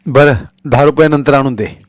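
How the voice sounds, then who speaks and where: A man's voice: medium pitch, moderate pace, dry recording, close to an everyday voice. A man voicing a middle-aged village shopkeeper in a storybook reading, matter-of-fact and haggling.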